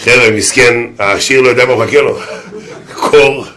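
A man preaching to a group. He tells a funny story, breaks into loud shouts and sound effects, and puts questions to his listeners. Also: mid-range voice. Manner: speaks to a group, asking them questions. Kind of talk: humorous storytelling sermon.

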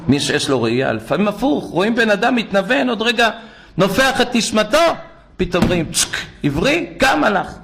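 A man's voice: high voice, vocal fry. An older man, a rabbi, preaching a sermon and telling stories, acting out the people he quotes. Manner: animated, acts out quoted speech. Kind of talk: sermon with storytelling.

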